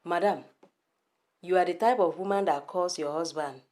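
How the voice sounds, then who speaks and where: Vlogging casually from home in an echoey room, a young Nigerian woman shares her opinions at normal speed. Her Igbo-accented voice is low, deep and darkish, and she speaks emphatically, often asking the viewer direct questions.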